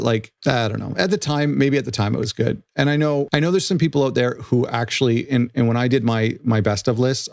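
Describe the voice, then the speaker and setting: A man's voice: medium pitch, creaky, a little mellow, dry recording, studio quality. A man hosting a music reaction channel, giving casual, rambling commentary full of restarts and self-corrections.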